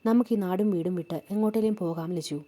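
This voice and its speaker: A woman's voice: mid-range voice, fast, warm tone, natural voice. A woman voicing a worried young seamstress who pleads and frets. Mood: resigned. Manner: pleading, anxious questions.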